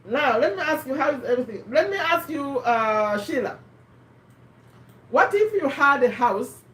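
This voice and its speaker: A woman's voice: high voice, animated, normal speed, a bit bright, distant mic. A woman from Uganda, hosting a live book discussion in casual, conversational talk, often restarting and quizzing her listeners. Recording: echoey room.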